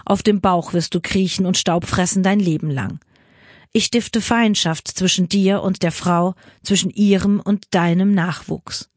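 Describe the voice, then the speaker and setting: A stern God speaks in solemn, grave judgment, as a woman reads the scripture. The voice sits somewhat low, with a close, dry sound. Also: a little slow, dry recording.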